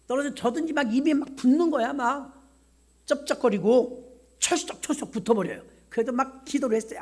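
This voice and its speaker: Middle-aged woman pastor, lively storytelling sermon, plays out the voices in her story. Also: on the high side, breathy edge. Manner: animated storytelling, acting out quoted voices. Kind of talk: sermon with personal testimony.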